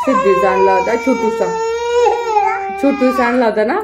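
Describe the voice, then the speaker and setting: A woman's voice: medium pitch, moderate pace, roomy sound, very noisy. A young mother at home, talking to her small children in a sing-song, coaxing way and repeating her words. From Maharashtra, India. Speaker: mother and vlog host.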